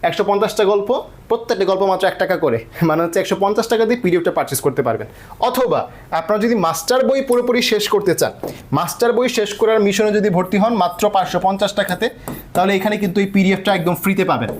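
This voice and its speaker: A man's voice: high voice, lively intonation, rapid-fire. A man teaching English vocabulary in an online class, explaining patiently and often checking that students follow.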